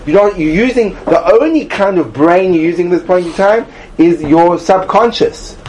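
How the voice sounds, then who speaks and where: A man teaching a Talmud study class, emphatic and animated, acting out little voices to make his points. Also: high-pitched, moderate pace. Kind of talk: classroom lecture.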